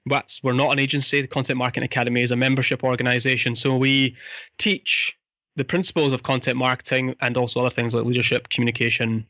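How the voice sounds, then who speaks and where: Bright-voiced man with a Fife Scottish accent. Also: medium pitch, level tone, fast, no room sound, lo-fi sound. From Fife, Scotland. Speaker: podcast guest, business owner. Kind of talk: casual interview talk.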